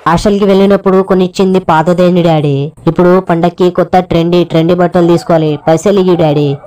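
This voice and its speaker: A woman's voice: lowish voice, fairly even intonation, fast talker, dark tone, close to an everyday voice, rough recording. A woman voicing a cheeky young man with a Telangana accent who banters crudely with friends and wheedles his father for money. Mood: wheedling. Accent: Telangana Telugu.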